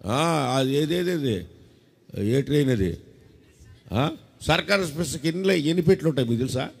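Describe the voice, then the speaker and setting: A man with a Telugu accent preaching to a congregation in a lively, animated voice that sits fairly high. He teases the crowd, quizzes them and calls for loud responses. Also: gravelly, big-room sound. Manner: lively, teasing, quizzes the crowd and breaks into song. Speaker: pastor. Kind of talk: sermon with congregation call-and-response.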